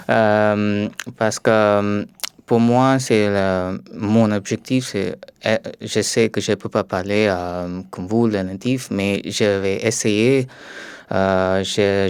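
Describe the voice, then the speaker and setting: Slow, smooth-voiced man with an Indian accent. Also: on the low side, no echo. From India, Tamil Nadu. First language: Tamil. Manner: hesitant, careful learner's French with many fillers. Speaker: guest, French learner. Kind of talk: radio interview. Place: radio studio.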